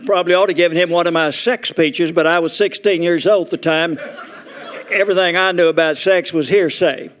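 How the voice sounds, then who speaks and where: Older Southern man, retired preacher, folksy joker with a slightly high voice, laughs through his stories. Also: fairly even intonation, fairly quick, a bit bright, a little hiss or hum. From Arkansas. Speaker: retired Baptist preacher, guest speaker. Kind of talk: humorous after-dinner style speech. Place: meeting room at a retirement community.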